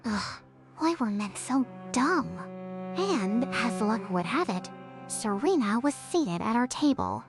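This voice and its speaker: Brief: high-voiced young woman, sarcastic cartoon narrator, music behind. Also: big pitch swings. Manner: sarcastic, quick, chatty. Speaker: narrator and lead character. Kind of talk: animated story narration.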